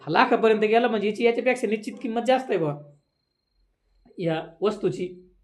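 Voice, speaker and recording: A man's voice: high-pitched, brisk. A man, giving a devotional sermon at a village memorial gathering, talking conversationally and rising into emphatic questions. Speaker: kirtan preacher.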